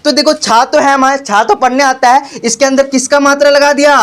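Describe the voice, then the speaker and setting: A young adult man leads a tuition lesson, drilling the children with the same call-and-response questions over and over and calling them beta. His voice is very high and a bit bright, fairly even in intonation and a little fast, recorded in a noisy classroom with clicks.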